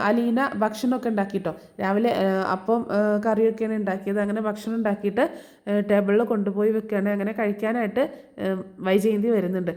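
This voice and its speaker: A woman's voice: medium pitch, mellow. A woman narrating a serial episode in a casual, chatty voice-over, often ending her sentences with a little tag word.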